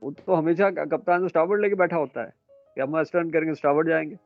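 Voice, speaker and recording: In a classroom lecture on ships, a male instructor quizzes and corrects his students in a brisk, scolding manner. His slightly high voice sounds dry and close, with fairly even intonation and no echo. The audio is dull and muffled, with faint music underneath.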